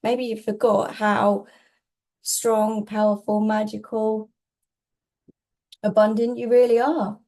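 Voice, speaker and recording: A woman's voice: mid-range voice, little pitch movement, slow, pauses often, mellow. A woman tarot reader giving casual spiritual guidance, reassuring and emphatic, often repeating herself in short phrases.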